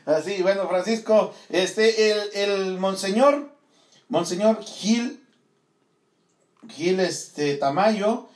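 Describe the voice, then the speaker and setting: Man, morning show host, rambling with fillers, echoey room. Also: sits high. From Tierra Caliente, Michoacán, Mexico. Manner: rambling, many fillers and laughs. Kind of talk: casual morning show chat.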